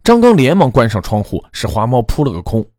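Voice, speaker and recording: A man narrating a folk ghost story in a measured, dramatic storytelling manner. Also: mid-range voice, sing-song, warm tone, dry recording, clean studio sound.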